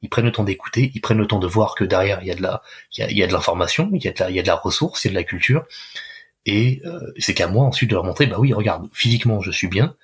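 A man's voice: lowish voice, lively intonation, racing, slightly rough. A man working as a fitness coach, talking casually in an interview, loose and chatty with many restarts.

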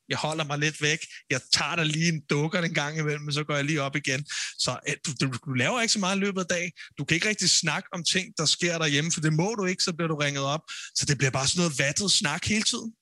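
A man co-hosting a casual podcast chat, animated and emphatic, raising his voice when he rants. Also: a little high, dry recording. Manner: animated, gets loud and emphatic when ranting. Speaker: podcast co-host, former reality show contestant.

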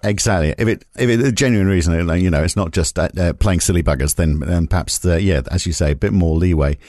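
A man's voice: deep voice, fast, a little mellow, no room sound. A man hosting a morning markets call, running through figures with dry, wry asides. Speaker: host of a morning markets podcast. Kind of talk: casual market briefing.

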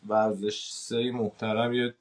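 A man's voice: on the low side, flat delivery. A man from Iran hosting a podcast, asking questions casually with hesitant fillers and laughing along. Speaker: podcast host.

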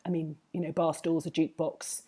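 A woman's voice: deep voice, little pitch movement, fairly quick, mellow, slightly rough. A woman with a southern English Home Counties accent talks reflectively in conversation, circling back over her phrases as she goes. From Hertfordshire, England. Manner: discursive, circling back with repeated hedging phrases. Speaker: food writer, interview guest.

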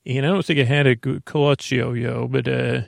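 A podcast host with a mid-range, steady and creaky voice at normal speed rambles through a meandering intro to a bedtime podcast, often breaking off mid-thought in a stream-of-consciousness way. The recording is dry and studio quality.

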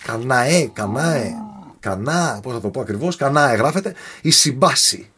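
Animated husky man telling a story. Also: mid-range voice. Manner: animated, trips over foreign names. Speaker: podcast storyteller. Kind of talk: casual storytelling chat.

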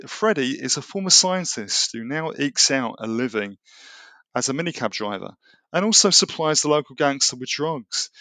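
A man co-hosting a film review, speaking in a measured, conversational manner. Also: on the high side, pushed and bright, no room sound. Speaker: film review show co-host. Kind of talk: casual film review discussion.

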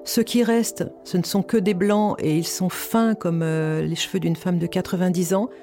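Woman in her fifties, mellow candid testimony. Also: fairly low pitch, steady tone, moderate pace, faint music behind. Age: 50s. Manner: candid, earnest recounting with reported dialogue. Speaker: patient sharing her cancer story. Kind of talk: personal testimony.

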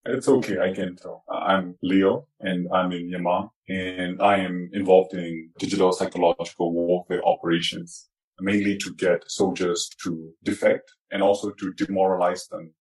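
A man's voice run through a disguising filter that drops it very low and deep. He answers an interviewer's questions in a steady, measured, explanatory way, laying out his points one by one. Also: rough recording. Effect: voice altered to disguise identity, pitched down. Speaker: activist interviewee.

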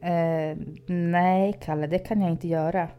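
A woman's voice: on the low side, fairly even intonation, clear, resonant tone, lo-fi sound, soft background music, natural voice. A woman voicing a nervous, polite teenage male babysitter who stammers anxiously.

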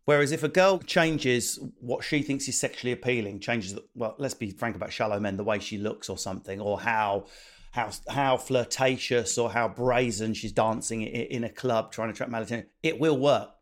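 A man's voice: medium pitch, moderate pace. A man hosting a casual discussion, blunt and sweary, putting rhetorical questions to the group. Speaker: panel host.

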